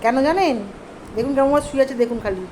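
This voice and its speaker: A woman's voice: sits high, expressive, quick pace, darkish tone, slight background noise, rough recording. A woman, vlogging at home and fondly coaxing her sulking pet in baby talk. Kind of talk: casual vlog narration. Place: home, indoors.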